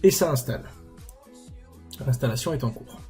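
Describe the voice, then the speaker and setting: A man's voice: mid-range voice, animated, moderate pace, a little mellow, faint music behind. A young man hosting a casual screen tutorial, chatty and self-mocking, with crude slang. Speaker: YouTuber tutorial host.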